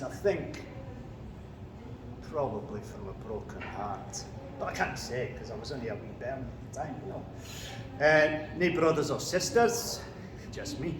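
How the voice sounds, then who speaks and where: A man's voice: mid-range voice, close to an everyday voice. A man playing a battle-hardened medieval warrior king in improvised role-play, speaking tersely and matter-of-factly. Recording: echoey room with clear background noise.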